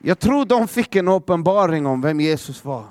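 High-voiced preacher man. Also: lively intonation. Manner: dramatic, drops to a hush for emphasis; repeats words as he restarts. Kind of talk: sermon storytelling.

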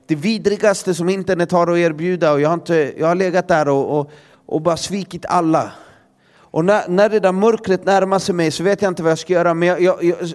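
A young man giving a personal testimony as a preacher, halting and earnest, often repeating his words. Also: fairly high pitch, a little mellow.

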